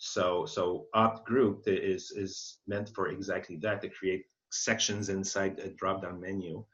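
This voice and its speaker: An accessibility expert presents an informal webinar Q&A, explaining things as he thinks aloud and rephrases along the way. His low-pitched voice is flat and unhurried with a fairly bright tone, coming through muffled, band-limited webinar audio.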